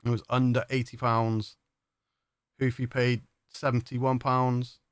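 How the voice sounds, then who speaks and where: A man hosts a casual live stream, talking in an easygoing, matey way and breaking into laughter often. His voice sits at a middling pitch. The sound is dry and close, with no room echo. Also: little pitch movement, takes it slowly, clear, resonant tone. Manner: laughs often and peppers speech with "mate". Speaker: livestream host.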